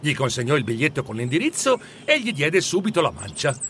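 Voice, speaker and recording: A man narrating a children's storybook in an expressive, animated way. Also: fairly high pitch, fairly quick, slight background noise. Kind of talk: storybook reading.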